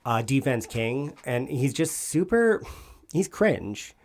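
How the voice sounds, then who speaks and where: A man's voice: mid-range voice, big pitch swings, slow, a little mellow. A man co-hosting a casual podcast, rambling and swearing freely, laughing often between his thoughts. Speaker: podcast co-host.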